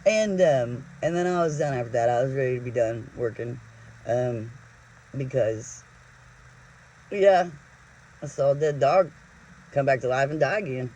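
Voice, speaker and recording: A woman telling a story casually to camera, animated and profane, laughing often as she retells it. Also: extremely low pitch, a little slow, long pauses, slight background noise, poor audio. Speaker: vlogger.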